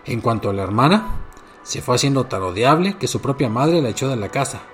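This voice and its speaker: A man narrating a fairy tale in measured storytelling. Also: medium pitch, lively intonation, fairly bright tone, faint music behind.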